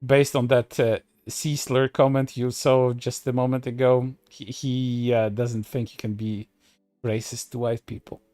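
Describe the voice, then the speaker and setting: A man's voice: medium pitch, level tone, a little slow, darkish tone, no room sound. A man commenting on online posts in a sarcastic, profane way, with many fillers and restarts. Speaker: streamer.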